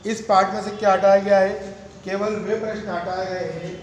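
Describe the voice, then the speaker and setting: A man's voice: high-pitched, little pitch movement, moderate pace, slight background noise. Man teaching in a very echoey room. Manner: asks students rhetorical questions and answers them. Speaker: math teacher. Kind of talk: classroom lecture. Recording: very echoey room with long reverb.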